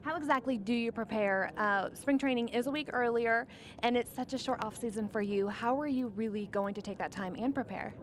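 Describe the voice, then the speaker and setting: A woman with a slightly high voice works as a sports interviewer. She puts her questions in a conversational way. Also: a little fast.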